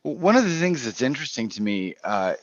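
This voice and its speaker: A man's voice: mid-range voice, very animated, no echo. A man hosting a casual livestream panel, asking questions with many restarts and repeated words. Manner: halting, repeats words while phrasing questions. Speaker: panel host. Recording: muffled dry online audio.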